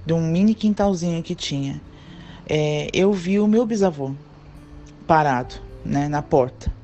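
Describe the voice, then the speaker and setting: Woman telling a story, mellow voice. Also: deep voice, a little slow, highs cut off, soft background music. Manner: animated, acts out quoted dialogue. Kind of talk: casual personal storytelling.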